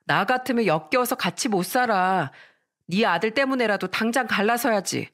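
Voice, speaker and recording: A woman's voice: medium pitch, normal speed, a bit bright, close to an everyday voice. An outspoken female friend who bluntly urges her pal to leave her husband, played by a woman reading a drama story. She is indignant and frank. It is a storybook-style radio reading.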